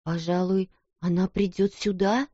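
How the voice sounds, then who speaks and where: A woman voicing a timid, kind, slow-witted schoolgirl who speaks hesitantly, in a muffled, dull recording. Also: on the low side, steady tone, dark tone, no echo.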